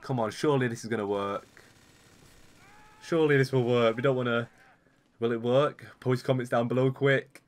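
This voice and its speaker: A man's voice: mid-range voice, moderate pace, pauses often. A young man giving casual, rambling commentary while playing a video game. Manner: chatty, rambling, excitable when things go wrong. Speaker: gaming YouTuber.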